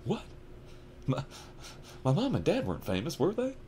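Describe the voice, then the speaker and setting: A man's voice: a little high, wildly swooping pitch, moderate pace, warm tone, a little hiss or hum, voice pushed up. Man doing a bewildered stammering boy. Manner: hesitant, questioning, stammering. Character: bewildered eleven-year-old boy.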